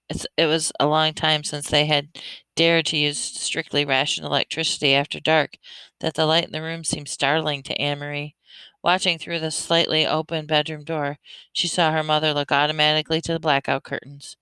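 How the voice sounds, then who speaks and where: A woman reading a children's novel aloud in a steady manner, now and then correcting herself. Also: low voice, clear, resonant tone, no room sound, poor audio. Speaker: reader.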